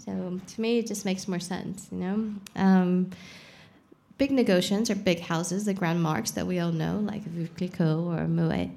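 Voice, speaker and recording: A woman's voice: lowish voice, steady tone, unhurried, creaky, dark tone. A young adult woman, a champagne expert guest on a live podcast, explaining frankly and casually, swearing now and then. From Saudi Arabia.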